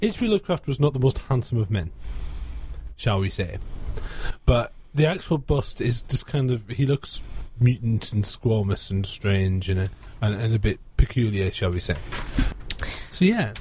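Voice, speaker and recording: A man's voice: lowish voice, expressive, moderate pace, mellow, a little hiss or hum. A man hosting a casual radio book show, chatting in a rambling, self-deprecating way. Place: radio studio.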